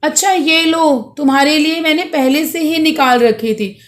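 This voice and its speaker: Kindly street vendor man, patient and coaxing, high and unhurried, read by a woman teacher. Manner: coaxing, affectionate toward children. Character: gentle kindly male street flute seller.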